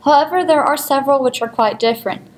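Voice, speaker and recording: Female instructor, scripted pronunciation lesson, measured and clear, slightly high voice. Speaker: language instructor.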